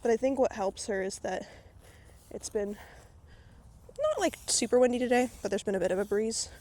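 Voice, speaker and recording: This is a casual, chatty grooming vlog: a woman brushes her horse outside at a barn while talking at normal speed. Her voice is on the high side, expressive and a little mellow, and she rambles with plenty of filler words, audibly short of breath.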